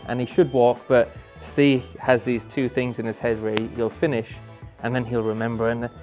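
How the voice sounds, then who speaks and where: A man's voice: mid-range voice, little pitch movement, moderate pace, darkish tone, soft background music. A man answering questions on camera in a casual, joking way, laughing easily.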